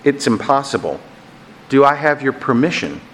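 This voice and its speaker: A man voicing a calm, stern angel in a quiet, grave, measured way. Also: medium pitch, slight background noise.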